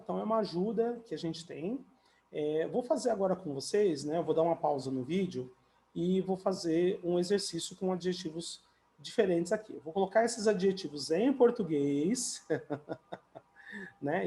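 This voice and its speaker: Chatty teacher with a mellow voice. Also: male voice, a little high, a little hiss or hum. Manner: chatty, adds "né?" and "tá?" often, light jokes. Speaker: English teacher. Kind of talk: casual video lesson.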